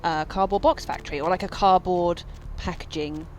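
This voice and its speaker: A woman's voice: on the low side, fairly even intonation, normal speed, slight background noise, rough recording. A woman rambling casually while streaming a game, full of fillers and asides. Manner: rambling, chatty, many fillers. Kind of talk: casual let's-play chat.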